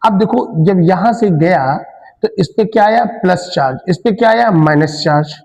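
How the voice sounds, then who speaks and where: A man's voice: high voice, moderate pace, darkish tone, in a large hall, rough recording. A male chemistry teacher giving a classroom lecture. He mixes Hindi with English terms and keeps asking students questions, then answers them himself.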